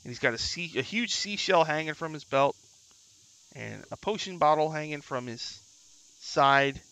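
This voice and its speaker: Male game master, creaky and forceful, improvising scene description bit by bit. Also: a little high, animated, normal speed, low-quality recording. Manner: descriptive, piecemeal delivery. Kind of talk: improvised tabletop game narration.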